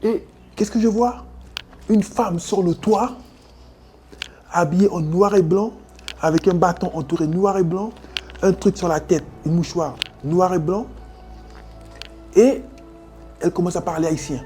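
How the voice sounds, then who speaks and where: A man's voice: high-pitched, measured pace, pauses often, dark tone, soft background music. A man from French Guiana with a French Guianese accent, telling his own story in an interview, slangy and vivid, making sound effects and calling the listener brother. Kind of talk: animated personal storytelling.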